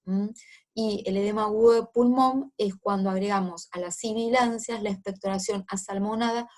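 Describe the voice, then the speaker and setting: A woman's voice: mid-range voice, darkish tone. Woman giving a medical lecture. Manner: explanatory, with frequent "eh" fillers and check-ins.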